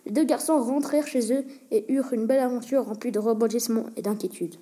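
Femme qui lit une histoire d'une voix douce. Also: female voice, on the high side, fast talker, dark tone. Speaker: story reader. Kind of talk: reading a short story aloud.

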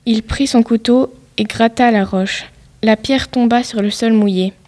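A woman reading a story aloud in a steady, even way. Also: a little high, a little slow. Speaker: story reader.

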